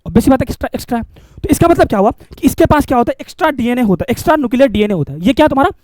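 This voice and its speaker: A man's voice: very high-pitched, expressive, rapid-fire, a little mellow, no room sound, studio quality. A male biology teacher, lecturing a class and coaxing answers by asking questions and repeating key terms.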